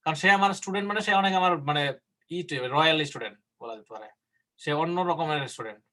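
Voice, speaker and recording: A man from Bangladesh, teaching an IELTS speaking class as a lecture. He explains in Bengali and slows down when he reads English sample answers. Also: on the high side, bright, forceful tone.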